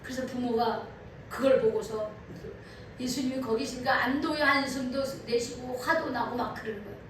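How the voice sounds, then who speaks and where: A woman pastor preaching a sermon in a church, animated and asking her congregation questions. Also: on the high side, moderate pace, slight background noise. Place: church sanctuary. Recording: echoey hall from far off.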